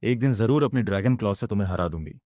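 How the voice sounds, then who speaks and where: A man's voice: lowish voice, expressive, fast, warm tone, no room sound, lightly acted. A guy putting on a stubborn girl fighter who won't back down, dry close mic. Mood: defiant. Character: defiant young girl fighter.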